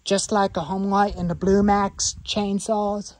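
A woman's voice: medium pitch, flat delivery, measured pace, a little mellow, dry recording. A woman in her twenties, rambling about saw parts, repeating herself and listing items in a cluttered garage. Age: 20s. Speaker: chainsaw hobbyist vlogger. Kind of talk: rambling show-and-tell in a workshop.

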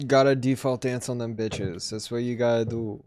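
A man in a gaming voice chat dropping random deadpan one-liners. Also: medium pitch, moderate pace, dry recording, studio quality.

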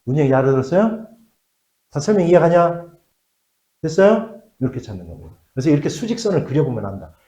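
Lively man teaching math in an echoey room. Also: fairly high pitch, a little fast. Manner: lively, asks checking questions, drops to mutters while writing. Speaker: math tutor. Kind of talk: classroom math lesson.

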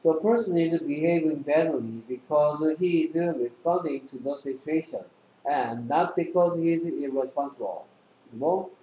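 A man's voice: on the high side, drawn-out words, warm tone, roomy sound, a little hiss or hum, poor audio. A man tutoring English one-on-one, quizzing his student and joking bluntly, in a casual lesson. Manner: teasing, quizzing, blunt slang.

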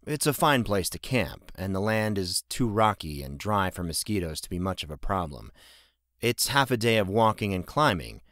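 Man doing a calm, quiet father. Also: sits low, moderate pace, no room sound, studio quality.

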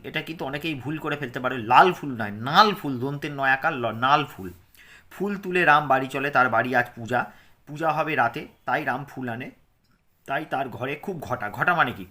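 A man teaching a children's reading lesson, reading short verses aloud and then explaining them quickly. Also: mid-range voice, sharp tone.

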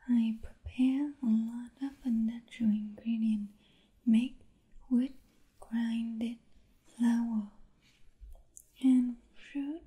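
A young woman playing a gentle Vietnamese princess in a whispered role-play, speaking in a soft, breathy whisper with a Vietnamese accent and short, soothing, attentive phrases. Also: on the high side, poor audio. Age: young adult.

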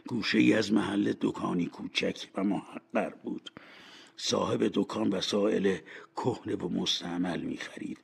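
A man narrating an audiobook in a hushed, ominous storytelling manner. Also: on the low side, creaky, husky.

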